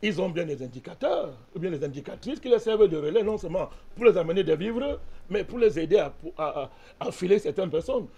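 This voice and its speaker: A Cameroonian man on a panel in a heated political debate argues insistently, repeatedly addressing the host by name. His voice is high, expressive and brisk, with a dark, slightly rough tone.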